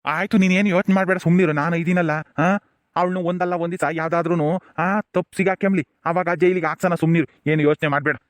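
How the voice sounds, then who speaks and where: A proud old village headman, played by a man with a rural Tumakuru Kannada accent, who keeps hushing and comforting his granddaughter. His voice sits fairly high and the words come quickly. The recording is dry and close. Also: fairly even intonation, no room sound, close to an everyday voice. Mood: consoling. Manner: soothing, pleading, repeats hush phrases. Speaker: jailed grandfather. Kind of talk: village family drama acting.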